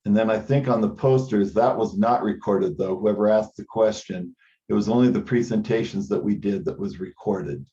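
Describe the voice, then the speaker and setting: On a conference call, a man whose voice is on the low side and dark in tone speaks informally at a moderate pace. As a meeting participant he often repeats a word mid-thought, and the audio comes through dull and band-limited.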